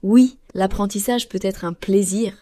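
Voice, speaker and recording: A woman co-hosting a learners' podcast, speaking clearly and slowly like a teacher. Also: medium pitch, fairly even intonation, mellow, no echo. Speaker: podcast co-host. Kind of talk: scripted podcast dialogue for learners.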